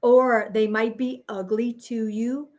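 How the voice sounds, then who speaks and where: A woman's voice: a little high, flat delivery, takes it slowly, a little mellow. Woman therapist explaining with searching fillers. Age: adult parent. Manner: loose and searching, many "um" and "right?". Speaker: guest therapist. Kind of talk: casual explanatory chat.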